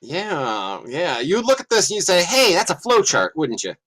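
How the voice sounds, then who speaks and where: On a livestream call, a middle-aged guest game master chats in a lively, casual manner at normal speed. His voice is a little high, and he curses offhandedly, muttering as he searches his screen.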